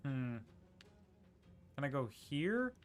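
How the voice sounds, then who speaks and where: A man streaming a video game, rambling and thinking aloud with quick laughs as he plays. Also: mid-range voice, big pitch swings, faint music behind. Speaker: gaming streamer. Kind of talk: casual gameplay commentary.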